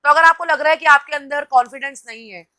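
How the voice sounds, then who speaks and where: A woman with a high, steady, bright voice talks fast and with push. She's a TV anchor and host running a motivational live stream, coaching viewers directly and reading their comments aloud.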